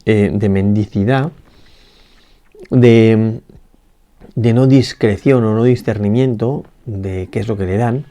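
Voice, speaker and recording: In a parish church, a priest offers a spoken meditation on a Gospel passage, his mellow voice fairly low in pitch. He's unhurried and reflective, with many pauses, restarts and tag questions.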